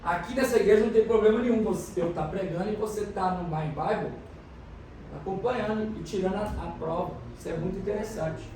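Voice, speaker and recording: A man's voice: sits high, a little fast, mellow, slight background noise. A man preaching a sermon as pastor, explaining things and questioning the congregation. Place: church hall. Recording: echoey church hall, mic from a distance.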